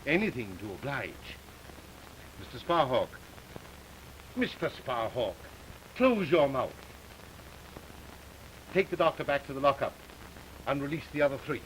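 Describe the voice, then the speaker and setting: Brief: a sarcastic sea captain, lively pitch, early talkie film sound with faint hiss. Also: male voice, a little slow, pauses often, poor audio. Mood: scoffing. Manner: scoffing, dry sarcasm. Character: skeptical, sarcastic ship captain man.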